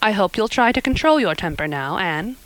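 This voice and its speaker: A woman's voice: medium pitch, animated, fairly quick, a bit bright, dry recording, lightly acted, rough recording. A woman reading aloud, voicing a stern, severe middle-aged woman who speaks curtly. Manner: curt, severe.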